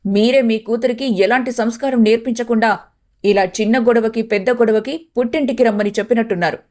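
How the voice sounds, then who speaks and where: A woman's voice: on the high side, a little fast, warm tone, natural voice. A woman doing a sneering, scornful young wife. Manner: sneering, irritated.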